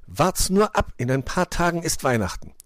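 A man voicing a feisty, quick-tempered female creature who snaps and complains. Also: big pitch swings, fairly bright tone, no echo, studio quality. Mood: threatening. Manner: snappy and shrill when angry.

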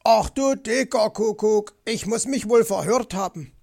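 Narrator as fox, bossy, grumbling, gravelly, storybook. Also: mid-range voice, unhurried, darkish tone. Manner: grumbling, lecturing. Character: fussy, bossy male fox.

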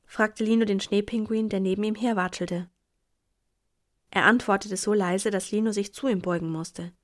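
A woman reading a children's Christmas story aloud. Her storytelling is calm and gently expressive, and her voice sits at a mid pitch. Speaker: narrator.

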